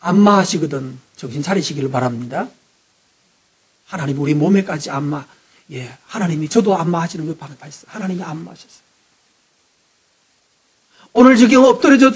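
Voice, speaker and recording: A male pastor preaching a sermon, animated, swinging between loud emphasis and hushed asides, often asking the congregation questions. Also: high-pitched, husky. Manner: asks the congregation frequent rhetorical questions.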